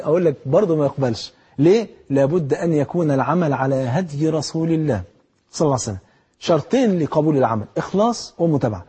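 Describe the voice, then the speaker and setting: A man with an Egyptian Arabic accent giving a lively colloquial sermon, exhorting the listener directly. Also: fairly high pitch, slightly rough. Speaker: preacher.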